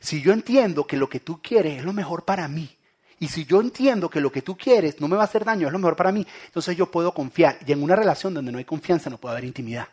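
A man preaching a sermon, swinging from loud calls to hushed, low lines. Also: animated, quick pace, husky. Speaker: pastor.

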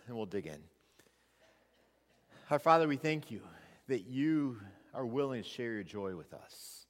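A male pastor preaches at a pulpit microphone in a church sanctuary, and his voice rings with long hall reverb. He sits at a middle pitch and talks in a conversational way, often restarting his phrases. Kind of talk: sermon.

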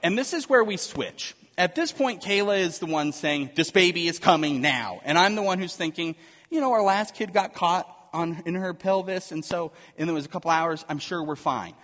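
A man in his thirties telling a personal story to an audience, animated and self-deprecating. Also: high-pitched, normal speed, in a large hall.

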